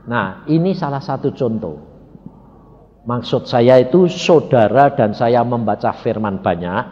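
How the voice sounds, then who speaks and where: A man's voice: medium pitch, a little slow, muffled recording. A male pastor, preaching a sermon and putting rhetorical questions to the congregation in a large church hall. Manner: animated, rising to emphatic peaks, rhetorical questions to the congregation.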